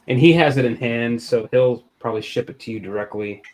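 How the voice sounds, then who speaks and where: A man's voice: medium pitch, a little fast, darkish tone, slight background noise. A man hosting a casual live-stream card giveaway over a video call, loose and chatty, often restarting his sentences.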